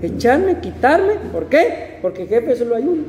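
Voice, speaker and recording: A man's voice: extremely high pitch, sing-song, fairly quick, warm tone, a little hiss or hum. A man preaching a sermon as pastor, talking in a conversational, jokey way and asking his congregation rhetorical questions. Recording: roomy hall reverb, faint background ambience.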